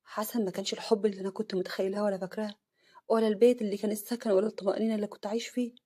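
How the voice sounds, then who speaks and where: A wronged young wife in a spoken family drama, as a woman narrator puts her on, talking fast in a husky, breathy voice. Her voice stays near the narrator's own mid pitch. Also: level tone, warm tone. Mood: choked, tearful. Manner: choked, then cold and mocking.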